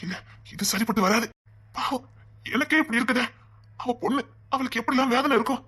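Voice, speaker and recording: A woman with a Tirunelveli Tamil accent, voicing a lovesick male police officer in an animated story who stumbles over his words. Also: a little high, brisk, husky. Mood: restless.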